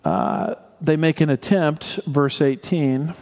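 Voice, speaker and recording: Male pastor, sermon, conversational asides, a bit high, slightly dull lo-fi sound. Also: steady tone, takes it slowly, darkish tone. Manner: conversational preaching with asides and restarts.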